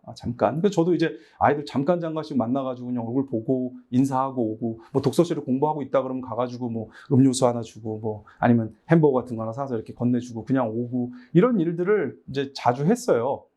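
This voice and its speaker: A middle-aged man, a pastor giving a lively training talk to Sunday school teachers and acting out phone calls with children. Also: medium pitch, highs cut off. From Busan, South Korea. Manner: animated, acts out both sides of dialogues with children. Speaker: pastor leading a teacher workshop. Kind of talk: lively church training lecture.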